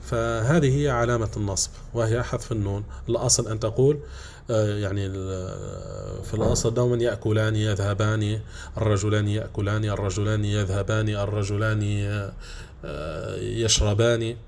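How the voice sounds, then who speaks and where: Male grammar teacher, lowish voice, patient and repetitive, faint hiss behind. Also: gravelly, darkish tone. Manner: repeats examples slowly, with many "aah" fillers. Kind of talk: classroom grammar lesson.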